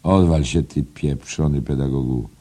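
A man voicing a loud, blustering older male newspaper editor in an audiobook, with a gruff, bellowing manner. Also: rumbling low, normal speed.

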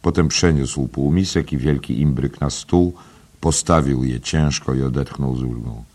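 A man narrating a novel in a steady, measured way. His voice is extremely deep, and his reading stays calm and even. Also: breathy edge. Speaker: audiobook narrator. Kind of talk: scripted narration.

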